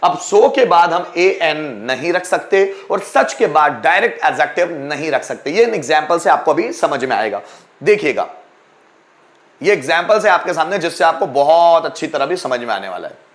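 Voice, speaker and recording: A man teaching English grammar in Hindi, explaining step by step and asking himself questions before answering them. He reads the example sentences slowly and with care. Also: on the high side, animated, fairly bright tone. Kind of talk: Hindi-language grammar lesson.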